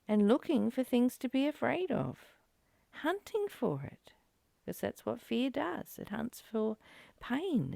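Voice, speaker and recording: Reading from a course text and reflecting on it, a spiritual teacher speaks slowly, her voice often sliding into creak and her pitch moving up and down widely. She's earnest and emphatic, leaning on rhetorical questions and repeated phrases. Her tone is warm, and the recording is dry and clean, studio quality.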